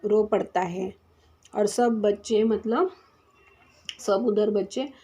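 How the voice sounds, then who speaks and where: A woman's voice: mid-range voice, fairly even intonation, slow pace, warm tone. A woman teacher reads a Hindi lesson aloud and then explains each line, often restarting herself. It is a home recording with slightly dull sound.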